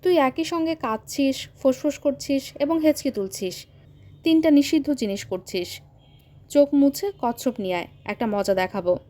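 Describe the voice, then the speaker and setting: A woman voicing a stern young uncle who speaks gravely and earnestly in an audio story. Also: high-pitched, normal speed, dark tone, natural voice. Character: stern young uncle, calm but firm man.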